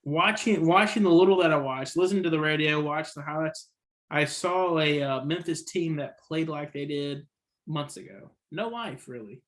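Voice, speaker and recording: A man with a slightly high, fairly bright voice hosts an easygoing sports podcast at a moderate pace. Between hiccups, he rambles, offers strong opinions, and often corrects himself.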